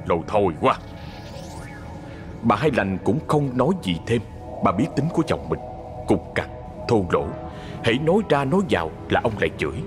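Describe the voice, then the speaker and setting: A man narrating a ghost story in a measured, expressive storytelling voice. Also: on the low side, over music.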